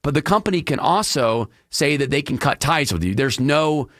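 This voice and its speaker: A male radio talk show host with a hoarse, congested, frog-throated voice, projecting hard from the diaphragm in an emphatic, opinionated solo monologue from a radio studio. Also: animated, normal speed, fairly bright tone, no echo. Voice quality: deeper than usual, frog-throated.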